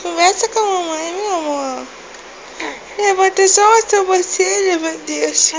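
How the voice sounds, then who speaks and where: A woman coos at her baby in a very high, sing-song voice, drawing each phrase out slowly. It is a homemade home video, and steady background noise hums behind her. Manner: cooing, tender, sing-song baby talk. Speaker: mother talking to her baby. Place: home room with a window.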